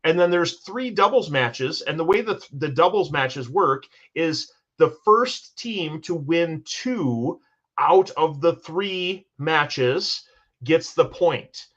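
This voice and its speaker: A man's voice: fairly high pitch, animated, slow, fairly bright tone, dull audio. A man hosting a casual sports podcast, talking in an enthusiastic, rambling way with many restarts as he recaps match scores. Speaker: host.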